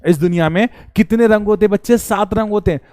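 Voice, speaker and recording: Speaking quickly in a fairly high, darkish voice, a man runs a live online science lesson with a chatty, teasing manner. He repeatedly asks his students questions, then answers them himself, recorded dry and close to the mic without room echo.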